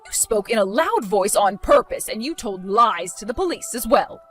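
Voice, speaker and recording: A woman's voice: medium pitch, animated, moderate pace, soft background music, natural voice. A woman voicing a spiteful older mother-in-law in a dramatized story, protesting indignantly.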